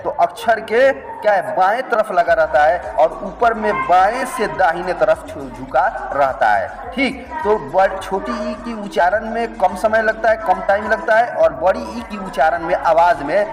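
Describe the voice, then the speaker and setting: A man's voice: high voice, lively intonation, a little slow, few pauses, big-room sound, low-quality recording. A man teaching a language lesson, patiently spelling out letters and repeating each word twice. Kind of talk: slow step-by-step script lesson.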